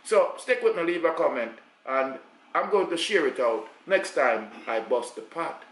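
Talking chattily to a camera on the counter of his home kitchen, a middle-aged Jamaican cooking channel host mixes in patois asides during his casual vlog. His voice is on the high side, animated and fairly bright at a moderate pace, and the sound is roomy with poor audio quality.

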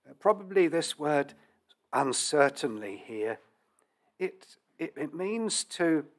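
Middle-aged pastor, slow deliberate sermon delivery, earnest, lectern mic in a church hall. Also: male voice, a little high, sing-song. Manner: measured, earnest preaching with rhetorical questions. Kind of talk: expository sermon.

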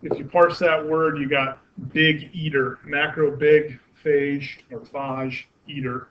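A man lecturing to a class with a slightly high voice, working through each point with fillers and self-corrections and pausing to quiz the room. The recording is dull and lo-fi, with a faint hiss behind him. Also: flat delivery. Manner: asks the class questions. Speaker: university anatomy lecturer.

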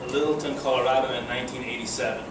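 Talking very fast in a mid-range, fairly even voice, a young man with a Polish accent presents casually as a guest at a breakfast meeting. He hesitates, restarting often and leaning on fillers, before a seated conference-room audience. The echoey audio is captured far from the mic over an air conditioning hum.

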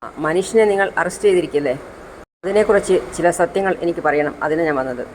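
Narrator doing a calm reassuring man. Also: medium pitch, fast talker, slight background noise, natural voice, poor audio. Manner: reassuring, polite.

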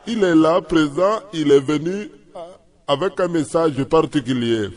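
A man playing an effusive shouting pastor. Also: fairly high pitch, unhurried, natural voice. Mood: exalted. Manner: preacherly, shouts alleluia to the crowd. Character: effusive local pastor, middle-aged man, showy preacher. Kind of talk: parody of a church introduction.

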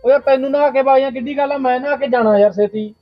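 A man's voice: very high voice, no echo, lo-fi sound, faint music behind. An actor playing a grown son who complains about his mother and wants to wash first, in a village comedy drama. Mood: complaining. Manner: complaining, quick. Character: grumbling grown son in a hurry.

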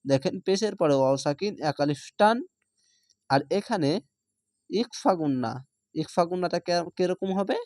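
A Quran reading teacher giving a slow, patient lesson, spelling out syllables one by one and then blending them into words. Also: medium pitch, lively intonation, a little mellow, dry recording, clean studio sound. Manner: patient, repeats words slowly for learners.

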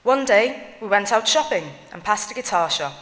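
A woman reading written family tributes aloud at a funeral service, in a measured, solemn way. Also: mid-range voice, animated, fairly bright tone. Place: church. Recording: long church reverb.

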